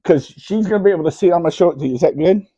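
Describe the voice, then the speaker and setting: A middle-aged man hosting a casual live video at home, playful and teasing with a child, often dropping to a soft hushed voice. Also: high voice, rapid-fire, slightly rough, dull audio.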